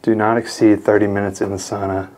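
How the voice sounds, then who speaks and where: A young man casually narrating a walkthrough of an empty mansion, talking to his viewers with excitement. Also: lowish voice, fairly quick, a little hiss or hum. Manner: excited, addresses viewers as guys. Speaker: urban explorer vlogger. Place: large empty mansion indoors.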